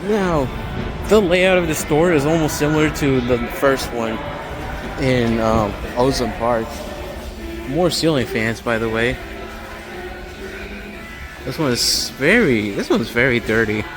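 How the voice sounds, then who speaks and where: A vlogger narrates a casual walkthrough inside a large home improvement store, thinking aloud in a rambling, observational way. His mid-range voice is slow, with frequent pauses. Store music plays in the background from overhead speakers.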